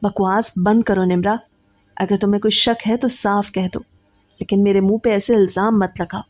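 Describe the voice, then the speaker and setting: A woman's voice: mid-range voice, steady tone, darkish tone, soft background music, natural voice. A woman voicing an irritable young married man who answers curtly and defensively within a storytelling narration. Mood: angry. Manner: curt, dismissive, raises voice.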